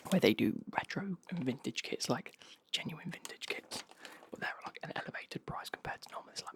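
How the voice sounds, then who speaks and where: A man giving a casual whispered ASMR unboxing as host, rambling and correcting himself in a breathy whisper. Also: medium pitch, a bit bright. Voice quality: breathy whisper with creaky edges.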